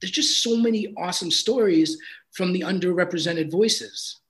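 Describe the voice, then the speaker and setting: A man's voice: sits high, normal speed, low-quality recording. A man working as a film composer, talking earnestly and thoughtfully in an interview, with repeats and restarts. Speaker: film composer and sound designer. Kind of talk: casual interview chat.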